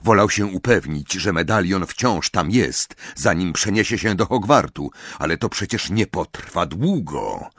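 A man narrating an audiobook in a measured, dramatic storytelling manner. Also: low voice, animated, a bit bright, breathy edge, no room sound, studio quality.

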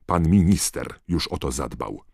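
A man voicing a stern older woman professor, shouting and trembling with anger. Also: very deep voice, lively intonation, a little slow, creaky, breathy edge, no room sound, studio quality, exaggerated voice. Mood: furious.

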